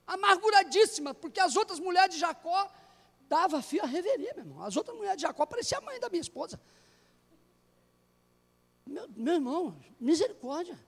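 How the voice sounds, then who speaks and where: A Brazilian man, a pastor, preaching a sermon in a church in an animated way full of jokes. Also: very high voice. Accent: Brazilian Portuguese. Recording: long church hall reverb.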